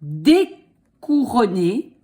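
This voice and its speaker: Woman, schoolteacher dictating, slow deliberate delivery, animated intonation, mid-pitched voice, instructive, word-by-word phrasing. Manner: dictating, drawing out words deliberately; didactic, posing questions and answering them herself. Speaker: French dictation teacher. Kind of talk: dictating slowly word by word, with spoken punctuation and spelling explanations.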